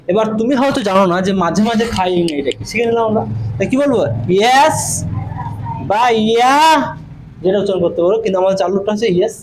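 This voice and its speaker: A man's voice: high voice, a little mellow, poor audio. Male teacher in a classroom, patient step-by-step explainer, light background noise. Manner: explains step by step, spells words letter by letter, checks in with "okay?". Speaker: English teacher. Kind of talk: classroom lesson in spoken English.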